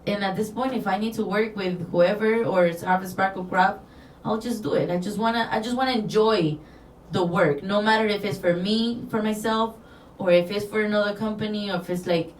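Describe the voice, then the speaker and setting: A guest designer from Mexico, who speaks Spanish as her first language, shares her story in a casual interview in a medium-pitched voice at normal speed. Her Mexican accent comes through as she talks earnestly, rambling and restarting. Faint background noise fills a roomy, distant recording.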